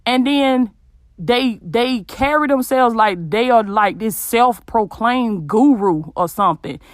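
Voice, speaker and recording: A woman's voice: fairly high pitch, animated, takes it slowly, no echo, clean studio sound. A woman hosting a podcast, giving an informal, preachy motivational talk in a blunt, emphatic way and repeating phrases for effect. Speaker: podcast host giving motivational business advice. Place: small closet at home.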